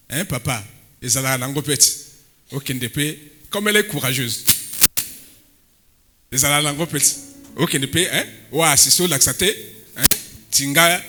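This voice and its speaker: A man preaching a sermon as pastor, breaking into sudden loud emphatic bursts and dropping in Lingala phrases. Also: mid-range voice.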